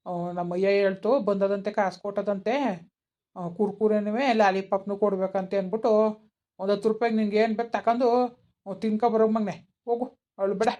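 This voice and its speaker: A woman's voice: mid-range voice, warm tone, natural voice. Woman as a kindly grandpa, soothing, dull lo-fi sound. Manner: soothing, coaxing. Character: gentle village grandfather, comforting. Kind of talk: village comedy skit acting. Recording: dull lo-fi recording.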